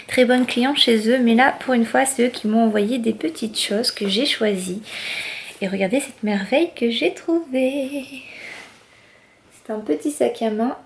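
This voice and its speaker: Her voice on the high side, a young family vlogger chats casually and eagerly to the camera inside her apartment, with frequent fillers. A little hiss or hum sits in the audio.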